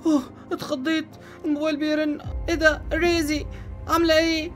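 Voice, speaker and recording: A woman with an Egyptian accent voicing a Roblox story, with panicky, rapid exclamations. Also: sits high, level tone, faint music behind. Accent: Egyptian Arabic.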